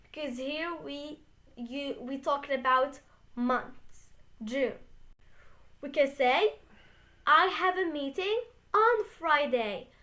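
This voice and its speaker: A young woman hosting a beginner lesson, speaking slowly and carefully and stressing the example words. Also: high-pitched, sharp tone. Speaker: English teacher, channel host.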